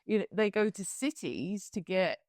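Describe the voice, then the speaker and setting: A woman's voice: mid-range voice, expressive, moderate pace, darkish tone, no echo, clean studio sound. A woman co-hosting a podcast in casual chat, chatty and rambling. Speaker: podcast co-host.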